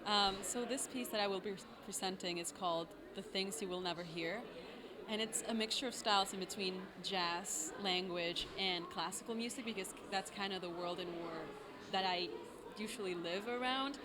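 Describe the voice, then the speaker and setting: Young woman, composer, relaxed casual answers over audible noise. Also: mid-range voice, normal speed. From Argentina. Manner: relaxed, fills with "like" often. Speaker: composer and singer. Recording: noisy background.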